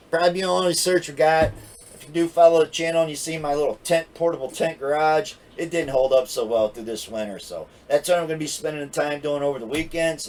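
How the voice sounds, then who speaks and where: A man's voice: on the high side, a little mellow, recorded from a distance. A middle-aged man hosting a channel, giving casual commentary over vehicle listings in a laid-back, folksy way. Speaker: channel host.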